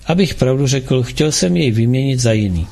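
Kind music teacher, soft reassuring tone, gravelly and husky, as a male narrator puts him on. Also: mid-range voice, expressive. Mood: calm, explaining.

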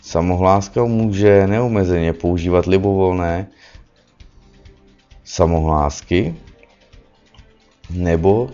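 A man's voice: low voice, pauses often, mellow. A man giving a spoken lecture, often correcting himself and adding tag questions as he goes. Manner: lecturing, with frequent self-corrections and "že ano" tags. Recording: dull lo-fi recording with faint music behind.

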